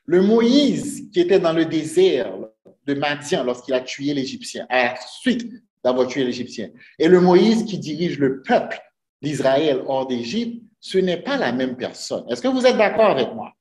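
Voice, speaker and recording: A man's voice: a little high, big pitch swings, unhurried, a little mellow. A man preaching a sermon to his congregation, earnest, often putting rhetorical questions to them. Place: church sanctuary. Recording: echoey church room.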